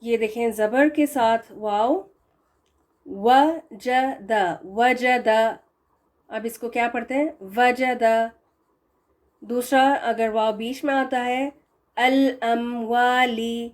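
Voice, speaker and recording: Female teacher, somewhat high pitch, patient explainer who drills words slowly. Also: steady tone. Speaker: Quran recitation teacher. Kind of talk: explaining pronunciation lesson.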